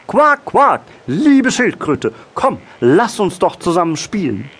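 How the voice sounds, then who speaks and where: A man voicing a small lonely frog in a children's audiobook, calling out in a high squeaky, excited way. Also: slow, husky, exaggerated voice. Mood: eager.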